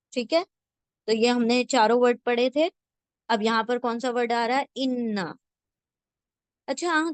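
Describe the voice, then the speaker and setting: Slow, patient woman teacher. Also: fairly high pitch, no room sound. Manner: slow patient teaching, repeats words and asks "theek hai?". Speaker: Quran translation teacher. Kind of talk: word-by-word translation lesson.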